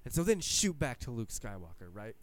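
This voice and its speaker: A young man co-hosting a podcast, talking excitedly and casually, swearing and acting out quotes as he recounts a scene. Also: medium pitch, a little fast. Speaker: podcast co-host. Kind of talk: excited casual fan chat.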